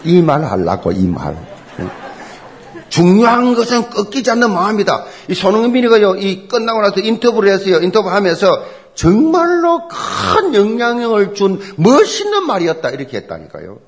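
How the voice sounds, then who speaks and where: A middle-aged man preaching a sermon as pastor, emphatic and animated, driving points home with rhetorical questions and repetition. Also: high voice, moderate pace, hardly any pauses.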